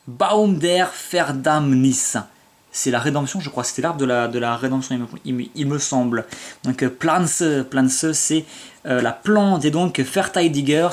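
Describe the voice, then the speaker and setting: A man chatting casually and with enthusiasm while opening card packs, full of fillers and restarts, reading out foreign card names slowly. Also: a little high, a little hiss or hum.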